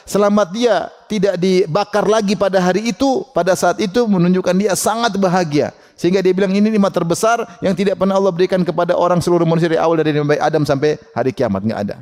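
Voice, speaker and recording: Man preaching a lively sermon. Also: high voice, quick pace, hardly any pauses, in a large hall. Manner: conversational, asks and answers his own questions; acts out quoted speech in a lively voice. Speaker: Islamic preacher.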